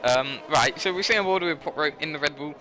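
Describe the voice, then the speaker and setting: A man's voice: on the high side, brisk, sharp tone, slight background noise. Tired young man commentating sim racing. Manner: rambling, self-correcting, tired. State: tired, yawning. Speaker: race commentator.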